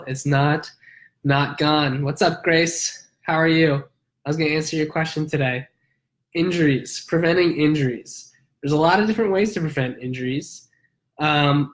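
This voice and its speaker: Congested man with a nasal cold voice. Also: a little high. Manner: frequent "um" fillers, chatty. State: coughing. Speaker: triathlete vlogger; answers viewers' questions. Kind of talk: casual vlog talk.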